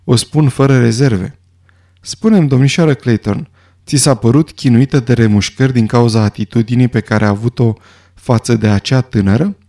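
A man voicing a calm, measured old judge who speaks in a level, deliberate way. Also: medium pitch, natural voice.

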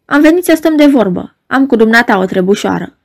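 A woman's voice: on the high side, lively intonation, a little mellow. A woman voicing an insolent, smirking man with a cat's face who speaks in a cheeky, mocking way.

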